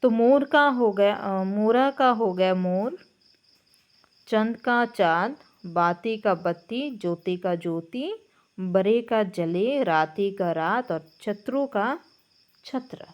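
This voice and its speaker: A woman's voice: medium pitch, lively intonation, takes it slowly, highs cut off. A woman with a Bengali accent, explaining textbook answers as a Hindi teacher, with a patient manner and frequent hesitations.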